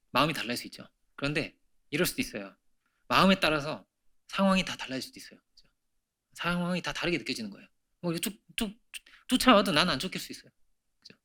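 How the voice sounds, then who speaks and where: A man in middle age preaches a Sunday sermon from a church pulpit. His voice is bright and forward, sitting a little high for a man. He keeps the tone conversational, throws rhetorical questions to the room, and moves between emphatic peaks and hushed near-whispers. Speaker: pastor. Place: church sanctuary.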